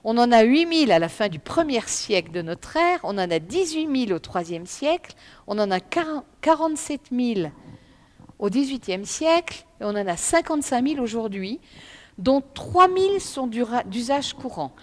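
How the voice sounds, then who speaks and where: A middle-aged woman giving a lively public talk on Chinese writing, emphatic and speaking straight to her audience. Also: a little high, normal speed.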